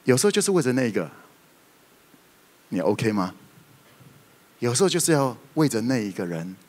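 A man preaching a sermon, telling stories in a lively way with sudden loud outbursts. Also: medium pitch, normal speed. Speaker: pastor. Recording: reverberant hall.

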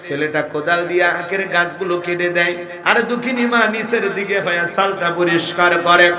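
A man's voice: sits high, fairly even intonation, fairly quick. A man preaching a waz sermon to a crowd, telling a story in an emphatic, half-sung delivery. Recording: echoey loudspeaker sound with crowd.

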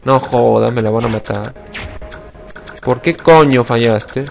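Young dude playing a game, swears a lot, yells when stuff goes wrong. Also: male voice, medium pitch, unhurried, creaky, soft background music. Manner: excitable, swears a lot, sudden shouts at misses. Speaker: gaming channel host. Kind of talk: casual let's play commentary.

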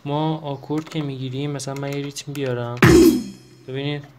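A man teaching how to use an electronic keyboard in a casual step-by-step tutorial, pausing with fillers and correcting himself as he presses buttons. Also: mid-range voice, little pitch movement, loud music behind the voice. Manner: explains while pressing buttons, with many fillers and self-corrections.

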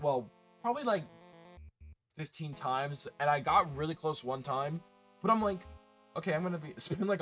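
Guy streaming a game and chatting w/ chat, kinda high voice, pitch all over the place. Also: fairly bright tone. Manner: chatty, swears, laughs, talks to chat. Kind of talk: casual live game commentary.

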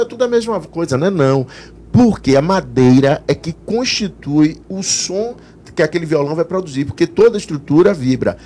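Brazilian male teacher, lively pitch, explains physics to a broadcast class. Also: a little hiss or hum. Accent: Brazilian Portuguese. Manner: animated explanations, voices students' questions. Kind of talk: live exam-prep class broadcast.

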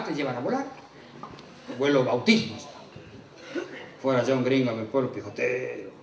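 A man's voice: a little high, a bit bright. An Argentine man telling folksy rural jokes with country slang to a live audience from a stage. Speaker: comedian. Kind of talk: live rural stand-up storytelling. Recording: echoey hall with a distant mic, crowd and noise.

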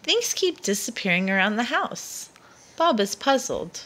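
Reading a picture book aloud to young children, a woman speaks in an unhurried, expressive storyteller's style. Her pitch moves around a great deal, and she places dramatic emphasis on key words.

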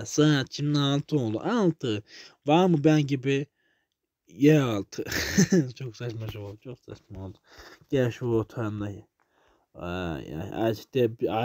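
A young man with a Turkish accent giving loose gameplay commentary, swearing freely and breaking into sudden loud outbursts. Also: mid-range voice, no room sound, studio quality. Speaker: gaming YouTuber.

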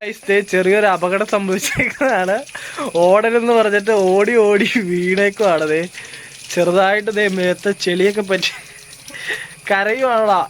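A woman's voice: mid-range voice, fairly even intonation, moderate pace, a little hiss or hum. A woman vlogger chatting casually to her viewers during a family outing and while cooking, with a lot of fillers. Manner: chatty, addresses viewers directly, many fillers. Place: outdoors near a temple and jackfruit tree, later a home kitchen.

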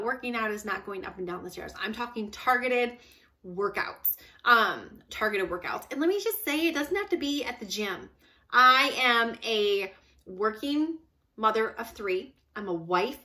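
A woman in her forties coaching viewers on fitness in an upbeat, chatty way. Her voice sits a little high and sounds bright and forward. She's close to a webcam in a small room, emphatic and quick to laugh. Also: animated. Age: 40s. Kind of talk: casual direct-to-camera talk.

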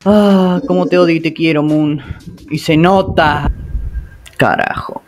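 Male gamer, high-ish voice, slow delivery, nervous swearing commentary. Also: slight background noise. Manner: excitable, swears often, nervous outbursts. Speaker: gameplay streamer. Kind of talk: casual game commentary.

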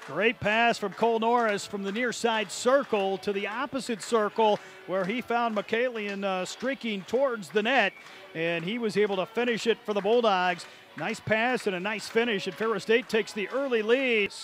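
A man's voice: high-pitched, normal speed, fairly bright tone. A man calling ice hockey play-by-play in an arena, rattling through the action and erupting on goals. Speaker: play-by-play announcer. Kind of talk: play-by-play sports commentary.

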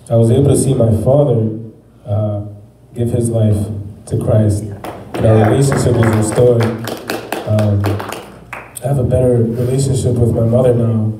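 A young man sharing a personal faith testimony, talking in a halting, reflective way with many fillers. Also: medium pitch. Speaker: testimony speaker. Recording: echoey room, mic at a distance, faint background noise.

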